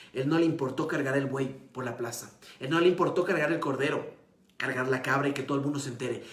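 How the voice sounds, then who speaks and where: Male preacher, sermon, animated retelling, hushed low emphasis, reverberant room. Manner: animated retelling with lively pitch swings. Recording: echoey room.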